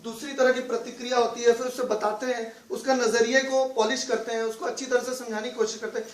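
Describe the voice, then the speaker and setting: High-voiced male trainer in an echoey hall. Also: flat delivery, quick pace, a little hiss or hum. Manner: keeps asking the audience questions; mixes English phrases into his talk. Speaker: business trainer. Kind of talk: live training seminar talk. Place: training hall with a live audience. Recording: echoey room, voice from far off.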